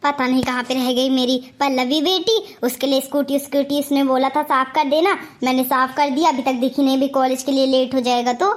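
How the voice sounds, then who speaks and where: A woman's voice: high-pitched, steady tone, fairly quick, hardly any pauses, natural voice. A woman with an Awadhi-tinged Hindi accent voicing a doting, gullible mother in a cartoon comedy, fussy and nagging. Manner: fussy and nagging, keeps asking "theek hai?". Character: doting, gullible middle-aged mother with favoritism.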